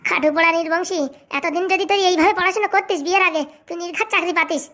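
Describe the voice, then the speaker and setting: Shrill scolding cartoon wife, voiced by a woman. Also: fairly even intonation, bright, forceful tone. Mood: scornful. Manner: shrill, cursing, rapid scolding. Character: foul-mouthed scolding village wife and mother. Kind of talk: comedy cartoon dubbing.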